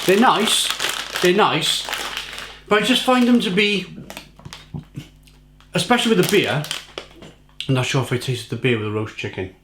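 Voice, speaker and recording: Man munching crisps in an echoey room. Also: on the high side, sing-song, normal speed, long pauses. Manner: munching crisps between phrases. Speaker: snack and beer reviewer. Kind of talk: casual food tasting review to camera. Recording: echoey room, faint noise, packet crinkling. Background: crisp packet crinkling and crunching.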